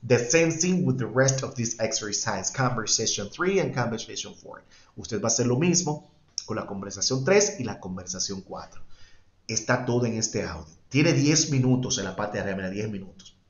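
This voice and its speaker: A man's voice: lowish voice, expressive, moderate pace. A man teaching an English class, explaining patiently and repeating words emphatically as he switches between two languages. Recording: echoey, dull-sounding room.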